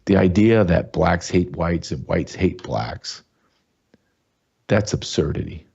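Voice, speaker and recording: This host's voice is low, animated and slow, with vocal fry, a darkish tone and slight roughness, and the recording's highs are cut off. A man from the American South, he runs his own talk show, giving casual commentary emphatically and frequently restarting and repeating words.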